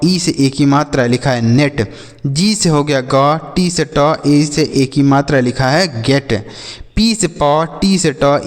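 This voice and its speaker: A patient male teacher with a slightly raised voice gives a phonics lesson to children. He repeats each point and asks questions that he answers himself. The recording has a long, ringing reverb. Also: on the high side. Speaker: English teacher.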